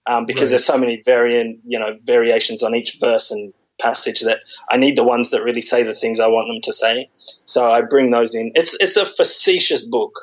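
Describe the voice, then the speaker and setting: A man's voice: medium pitch, steady tone, fairly quick, a bit bright, muffled recording. A man talking casually on a podcast, sarcastic and rambling, with frequent ums. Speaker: podcast guest.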